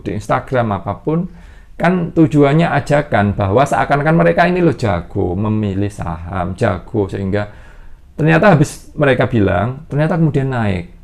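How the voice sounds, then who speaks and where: A man's voice: on the low side, creaky, a little mellow. A man who teaches investing, explaining in a casual, conversational way with many fillers. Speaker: investment educator.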